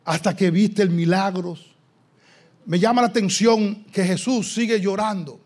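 High-voiced man preaching with fervor. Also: steady tone. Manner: impassioned preaching, swinging from loud shouts to low hushed lines; slow, drawn-out reading of quoted scripture. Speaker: pastor. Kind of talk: sermon.

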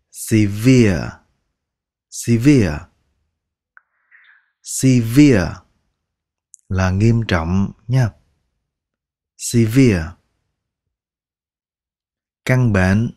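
Male language teacher, low-pitched, unhurried pronunciation drills, patient and coaxing. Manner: repeats each word slowly, drawing out sounds; patient, coaxing, ends phrases with soft particles. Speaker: English teacher. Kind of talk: slow pronunciation lesson.

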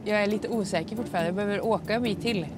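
A young woman with a Swedish accent, a timber truck driver thinking aloud in a reality show, swearing under stress. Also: mid-range voice. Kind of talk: reality TV commentary. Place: truck cab. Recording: music playing underneath.

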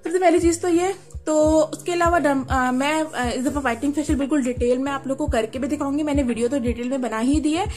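A young woman with a high, light voice speaks through a cloth veil. Her casual beauty-review chat is full of small check-ins with the listener. Soft music plays faintly under her voice. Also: fast talker. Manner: chatty, keeps adding "ठीक है". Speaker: beauty vlogger. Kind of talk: casual product review and tutorial.

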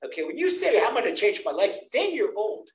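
An older man, a rabbi, teaching a weekly Torah class over a video call in an earnest, animated preaching way. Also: high voice, brisk. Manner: earnest, animated preaching, acting out quoted voices. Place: home room on video call. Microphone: webcam on a video call. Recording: roomy echo on a video call.

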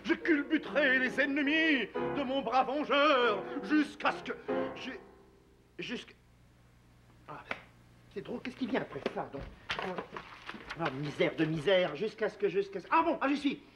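A hammy, forgetful werewolf actor. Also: male voice, extremely high pitch, lively intonation, unhurried, dull audio, over music. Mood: flustered. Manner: theatrical, stumbling over forgotten lines. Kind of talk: 1960s children's TV puppet acting.

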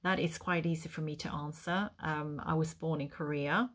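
A woman in her forties speaks with a notably low voice. She answers in a measured, reflective way, pausing on ums. She is recorded at her desk on a webcam. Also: fairly even intonation. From Sweden. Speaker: artist and curator. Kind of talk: interview answer to camera.

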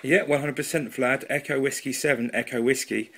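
An English amateur radio hobbyist reviews a product from off camera at a wooden table indoors, chatting about radios in a casual, slightly rambling, self-deprecating way. His mid-range voice is steady and fairly quick, with a husky, fairly bright tone.

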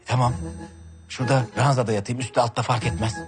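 A man's voice: medium pitch, fairly even intonation, fast, music in the background, lightly acted. An actor playing a scheming, lazy man who wheedles his wife and brother with melodramatic complaints. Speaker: actor in a TV comedy series.

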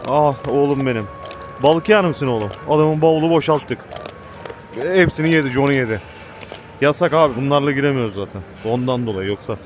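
A man giving excited, panicky commentary while playing a game, swearing and shouting at it. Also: medium pitch, brisk, a little hiss or hum. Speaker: gaming YouTuber. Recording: game music playing behind.

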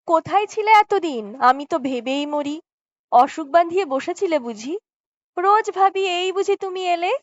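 A woman reading as a gentle, earnest young revolutionary man in an audiobook story, speaking high and slow. His tone stays earnest throughout. The recording is dry and a little muffled. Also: no echo. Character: earnest male revolutionary elder brother, gentle. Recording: dry, slightly dull lo-fi recording.

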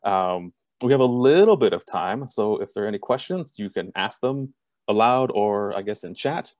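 A college admissions representative from Southern California presents an online information session over a video call. His low voice is close and dry with no room sound, at normal speed, and he speaks in an even, self-described monotone while being blunt about his opinions.

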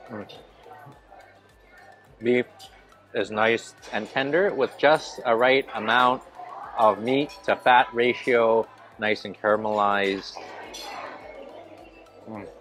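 Male food vlogger, 30s, eager casual narration on a handheld camera in a big indoor buffet hall, soft music underneath. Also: lowish voice, slow, long pauses. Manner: enthusiastic, narrates each dish as he eats. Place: large indoor hotel buffet restaurant. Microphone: handheld camera at arm's length.

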